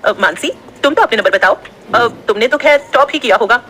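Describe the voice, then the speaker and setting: A woman plays an easygoing young student girl in an audio story, calming a loud friend down. Her voice is high and bright, with a light teasing edge. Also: fairly quick, a little hiss or hum.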